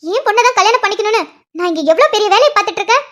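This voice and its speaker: Cartoon villainess: woman voicing a jealous scheming mother, low spiteful delivery, quick. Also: animated, fairly bright tone.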